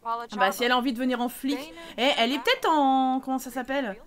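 A woman's voice: high voice, fast talker. A woman chatting casually as she streams a life-sim game, teasing the characters and talking to them.

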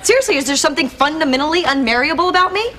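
A woman's voice: sits high, animated, rapid-fire, bright, forceful tone. An actress playing an anxious young woman who doubts herself, in a sitcom. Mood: worried. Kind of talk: sitcom acting.

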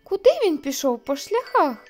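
A woman's voice: big pitch swings, moderate pace, soft background music. A woman voicing a small curious young squirrel in a children's story. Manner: high, asking.

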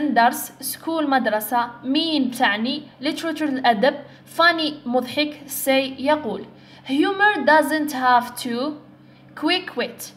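A young woman with an Algerian Arabic accent tutors students through an English exam. Her voice sits high, and she works patiently step by step. She switches between Arabic, English and a little French, and slows down to read the English lines. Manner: explains step by step, mixing in English and French, reads English slowly. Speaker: English teacher.

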